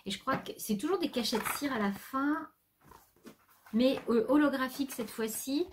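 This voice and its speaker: Talking at a moderate pace in a high voice, a woman from France presents her latest craft purchases in a relaxed show-and-tell, drifting a bit and turning to talk to her pet. Faint noise sits underneath.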